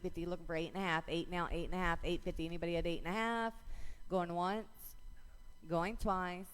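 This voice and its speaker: A woman auctioneer calling bids in a rapid, rhythmic chant, repeating numbers over and over at a live auction. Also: lowish voice, fairly even intonation, clean tone.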